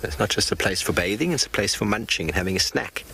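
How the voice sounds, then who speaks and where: A man's voice: on the low side, fast talker, gravelly, pushed and bright, low-quality recording. A man guiding a wildlife safari outdoors, giving chatty, playful live commentary on the animals. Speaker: wildlife safari guide host. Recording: noticeable outdoor background noise.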